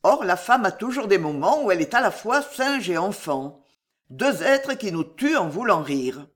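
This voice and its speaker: Narrator doing a bossy fake priest from an old novel, lively pitch, calm and in control. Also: moderate pace, natural voice. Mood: scheming. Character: menacing false priest, older man, commanding. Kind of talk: audiobook reading of a classic novel.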